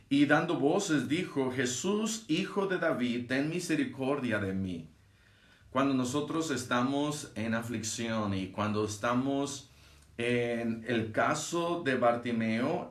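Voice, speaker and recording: A man with a mid-range voice delivers a devotional sermon at an unhurried, measured pace. He reads scripture and then preaches on it with emphatic retelling. The room around him rings with noticeable echo. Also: mid-range voice, fairly bright tone. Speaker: pastor. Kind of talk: devotional Bible reading and sermon. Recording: roomy echo.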